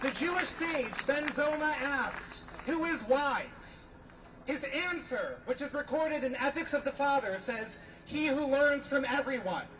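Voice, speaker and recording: A young man delivers a podium speech in a very high, raised voice. He is deliberate and declamatory, stressing his points firmly over clear background noise. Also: a bit bright, rough recording. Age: young adult. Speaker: student speaker at a rally.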